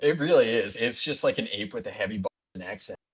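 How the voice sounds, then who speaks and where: A man's voice: lowish voice, a little fast, slightly rough, highs cut off. A man co-hosting a casual podcast, laid-back and jokey, swearing now and then. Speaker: podcast co-host. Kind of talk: casual chat.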